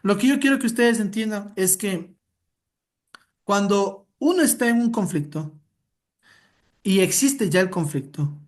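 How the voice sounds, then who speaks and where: Woman instructor, lively, direct, coaching, online class, video call audio, mid pitch. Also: measured pace, long pauses. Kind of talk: interactive online lesson.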